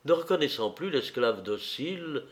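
A man narrating a historical novel in a measured audiobook reading. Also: mid-range voice, animated.

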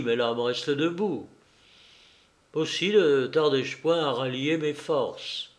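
A man reading a first-person novel aloud as an audiobook narrator, in a measured, deliberate way. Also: mid-range voice.

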